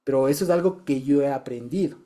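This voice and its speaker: A man's voice: medium pitch, quick pace, dark tone. A man sharing a personal testimony in a small Bible study group, chatty and repeating himself, often checking that listeners follow.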